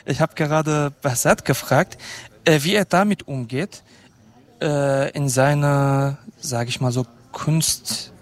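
A man moderating a panel, asking questions in two languages with hesitant fillers. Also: fairly high pitch.

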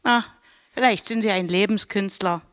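A woman's voice: mid-range voice, normal speed, a bit bright, no room sound, studio quality, close to an everyday voice. A woman playing a friendly, curious woman chatting in a café in a radio play.

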